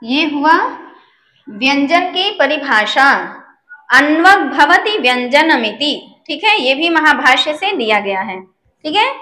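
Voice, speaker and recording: A woman's voice: high-pitched, sing-song, slow, bright, forceful tone. A woman teaching a lesson, patient, often checking whether her listeners understand. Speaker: Sanskrit teacher. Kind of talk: slow classroom lesson. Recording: echoey room.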